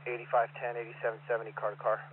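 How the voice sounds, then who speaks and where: Police officer on a hissy radio. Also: male voice, mid-range voice, completely flat delivery, phone-quality sound. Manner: brisk, matter-of-fact commands. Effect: over a police radio. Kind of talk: tactical radio updates. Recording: noisy distant radio transmission.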